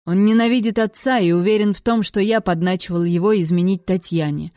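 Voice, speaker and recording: A woman's voice: mid-range voice, brisk, no echo, studio quality, natural voice. A woman voicing a genial casino-owner father. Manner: genial, flattering. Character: smooth-talking middle-aged male casino owner.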